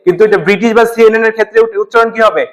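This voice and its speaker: A man's voice: sits high, very fast, low-quality recording. A man teaching English in a classroom, drilling sounds for the students to repeat and then explaining and quizzing them. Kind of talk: classroom lesson with call-and-response drills. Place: madrasa classroom.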